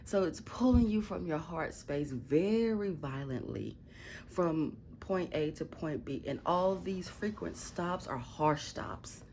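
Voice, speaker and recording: Her pitch is fairly low and her intonation lively, though she takes it slowly and sounds a little mellow. She's a Midwestern American woman vlogging casually from her bedroom at night, groggy as if just awake, telling blunt, profane, rambling stories, with slight background noise.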